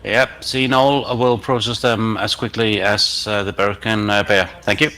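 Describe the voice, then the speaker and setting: A man commanding a team in a military simulation game, giving deliberate, halting tactical orders in formal radio procedure. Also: on the low side, level tone, bright, forceful tone, low-quality recording.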